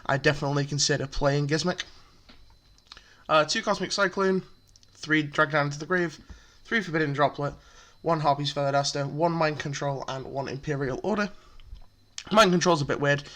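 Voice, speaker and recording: Casual male presenter with a slightly high voice, talks through a deck with frequent fillers. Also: fairly quick, fairly bright tone. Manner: chatty, filler-heavy, explains step by step. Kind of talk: casual card game explanation.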